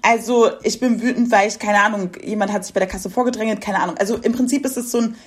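A woman co-hosting a podcast who explains things in a lively, casual way and laughs easily. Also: mid-range voice, fast talker. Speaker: podcast co-host. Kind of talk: casual discussion.

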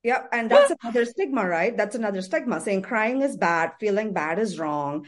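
A woman's voice: mid-range voice, expressive, normal speed. A woman therapist in a podcast conversation, talking earnestly and repeating phrases for emphasis.

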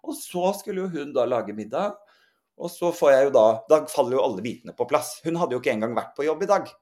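A man's voice: medium pitch, lively intonation, a little mellow. A young man co-hosting a podcast, telling a story in casual chat and acting out the quoted lines with animation. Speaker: podcast co-host.

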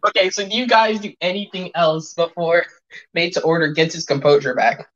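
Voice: medium pitch, a little fast, fairly bright tone. A game master narrating a tabletop game casually, in informal, slangy language with some swearing. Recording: dull lo-fi sound.

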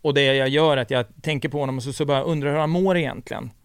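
A man tells a story in a relaxed conversational way, acting out what each person said. His voice is smooth and resonant, and the sound is dry and close with no room echo. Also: mid-range voice. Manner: storytelling with lots of fillers and quoted dialogue. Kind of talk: casual chat.

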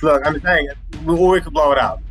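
A man's voice: fairly high pitch, fairly quick, fairly bright tone, soft background music. A man casually playing a tabletop game, hesitant and full of fillers. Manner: hesitant, full of ums and likes. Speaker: player.

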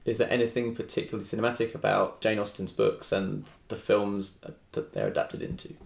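A man hosting a casual film discussion podcast, with hesitant, halting phrasing. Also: on the low side, level tone, creaky. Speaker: podcast host. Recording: roomy, echoing room sound.

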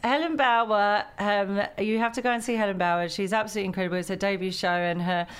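A woman's voice: mid-range voice, fairly even intonation, quick pace, smooth. A woman from Chatham in Kent, a comedian guest chatting casually on a podcast, giggly and full of ums. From Chatham, Kent, England.

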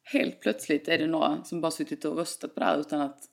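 A woman's voice: sits low, level tone, vocal fry. A young woman in casual chat, full of fillers and quoted exchanges. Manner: chatty, frequent fillers, acts out quoted exchanges.

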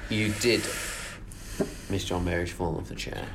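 Low-voiced man running a quiz. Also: steady tone, unhurried, vocal fry, noisy background. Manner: scorekeeping, teasing, swears casually. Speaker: podcast host running the quiz. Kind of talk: casual pub quiz banter.

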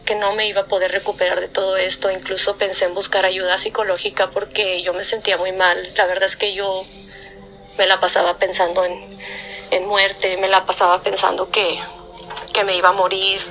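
A woman tells personal stories in a soft, heartfelt voice. Her tone is bright but stays level, with little rise and fall. Faint music plays behind her. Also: medium pitch, flat delivery. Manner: soft-spoken, heartfelt, halting with repeats. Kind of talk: personal storytelling.

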